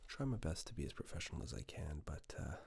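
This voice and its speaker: This clip is personal-attention ASMR: a man in the role of a polite tailor takes suit measurements, murmuring unhurried instructions between pauses. His low voice stays soft, breathy and half-whispered while the pitch swings broadly.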